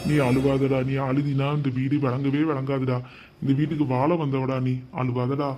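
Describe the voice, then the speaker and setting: A harried young husband pleads and soothes in an ordinary mid-range voice, as a man acts him out. He tries to calm two quarrelling women in a cartoon comedy. A faint hiss runs under the recording. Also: medium pitch, moderate pace, natural voice. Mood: soothing. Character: harried young husband caught between mother and wife.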